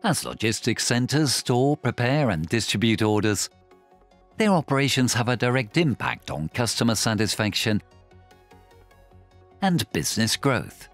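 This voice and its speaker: Guy doing a corporate promo read, clear and steady, voice moves around a lot, soft music under it. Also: medium pitch, a little slow. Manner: clear, evenly paced promotional delivery. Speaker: corporate voice-over narrator. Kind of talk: scripted narration. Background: soft background music.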